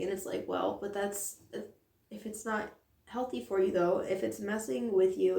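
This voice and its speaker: Sitting far from the mic in an echoey room, a woman with a gravelly, darkish mid-range voice speaks in a candid vlog monologue. She's a mother with a sore throat that strains her voice, and she rambles earnestly, filling gaps with lots of fillers.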